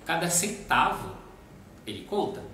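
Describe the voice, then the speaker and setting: A man's voice: fairly high pitch, sing-song, a little slow, bright, forceful tone. Man explaining in a very echoey room. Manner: explains step by step with everyday examples. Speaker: nutrition live stream co-host. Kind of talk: explanatory live chat. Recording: very echoey room, mic at a distance, background noise.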